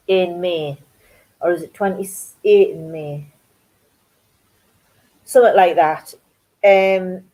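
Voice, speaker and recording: Over poor audio, her warm voice sits on the low side as she rambles casually to live viewers of her crafts channel. She's middle-aged, from North East England, with a Geordie accent tinged by North Yorkshire, and comes across as chatty and self-deprecating.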